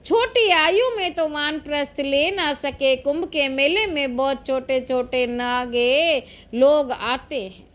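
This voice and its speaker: A woman reading a devotional discourse aloud in a slow, measured preaching manner. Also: sits high, fairly bright tone. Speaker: spiritual reader.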